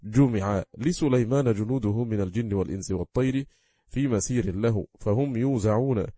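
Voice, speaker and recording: A man reading a classical scripture commentary aloud in careful, measured formal diction. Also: on the low side, mellow, dry recording, clean studio sound. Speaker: reader of Quran commentary.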